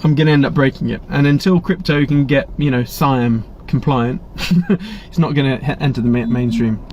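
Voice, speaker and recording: Steady in tone and a little mellow, the English host speaks at normal speed in a mid-range voice during a casual live Q&A drawn from viewer chat. His talk rambles chattily, with blunt asides and many restarts. There's a little hiss or hum in the slightly muffled webcam audio.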